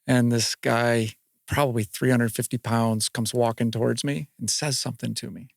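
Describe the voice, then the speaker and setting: A man guesting on a running podcast, telling stories in a casual, animated way. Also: medium pitch, normal speed, vocal fry, no room sound, studio quality. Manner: animated anecdote-telling with quoted voices. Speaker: podcast guest, marathon runner. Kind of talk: casual storytelling chat.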